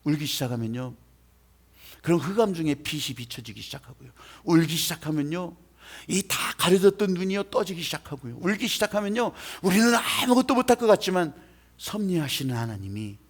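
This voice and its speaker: A male pastor preaching an emotional sermon, swinging between loud exhortation and hushed, quiet passages. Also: on the high side, animated, fairly quick, breathy edge. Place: church sanctuary.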